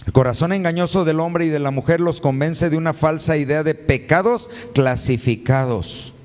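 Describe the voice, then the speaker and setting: A man's voice: a little high, moderate pace, darkish tone, big-room sound. A male pastor preaching a sermon, firing rhetorical questions at his congregation and calling them brothers and sisters. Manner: addresses listeners as brothers and sisters.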